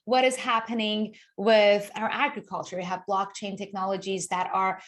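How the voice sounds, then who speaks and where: A woman from Iran, a guest author giving an enthusiastic webinar talk over a remote call microphone, explaining with frequent restarts. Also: medium pitch. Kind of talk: webinar presentation.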